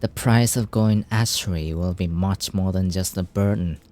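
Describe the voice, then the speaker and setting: Slow and deep-voiced, this Japanese-native streamer has a dark tone as he talks through a game casually. He reads on-screen text out loud and translates it, dropping casual swears along the way. A little hiss or hum runs under the recording.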